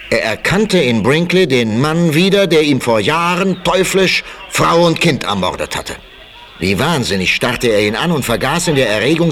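A man's voice: mid-range voice, fairly bright tone, a little hiss or hum. Man narrating an adventure radio play. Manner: measured, storytelling.

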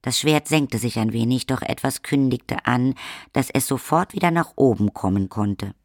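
A man reading the narration of a fantasy audiobook in a measured storytelling manner. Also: medium pitch, dry recording, studio quality. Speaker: audiobook reader. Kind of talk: scripted narration.

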